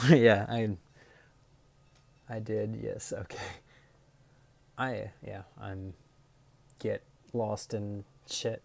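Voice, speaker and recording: Slow, gravelly-voiced male streamer. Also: on the low side, a little mellow. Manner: rambling, thinking aloud while he works; scat-beatboxes between remarks. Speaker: live streamer. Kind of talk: casual live-stream chat.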